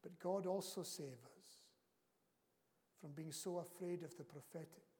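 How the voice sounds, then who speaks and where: A man's voice: on the high side, unhurried, warm tone. A man preaching a sermon as pastor of his church, earnest and emphatic, his intensity rising and falling. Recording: long reverb of a church hall.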